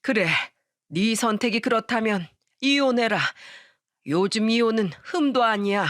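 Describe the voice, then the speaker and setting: A woman's voice: on the high side, unhurried, no room sound, clean studio sound, close to an everyday voice. A woman doing a firm, protective father. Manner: firm, resolute.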